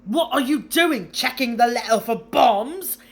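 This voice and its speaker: Woman doing a loud blustery bully of an uncle, sneery, stammers, pitched way up. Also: expressive, a little slow. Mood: mocking.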